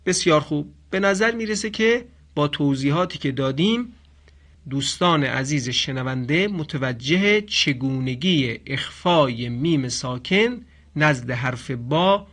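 A man teaching Quran recitation rules in a language lesson. He explains patiently and chants the example phrases slowly. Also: on the high side, a bit bright. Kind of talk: radio-style tajweed lesson.

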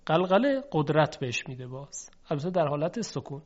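A man's voice: a little high, sing-song. A male teacher giving a recitation lesson, patiently explaining and sounding out letters to demonstrate. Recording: dull lo-fi recording.

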